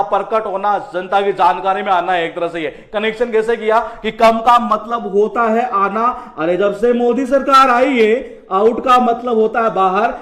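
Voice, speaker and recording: High-voiced teacher in echoey room. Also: male voice, bright, forceful tone. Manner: repetitive, explains with rhetorical questions. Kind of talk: exam-prep vocabulary lesson.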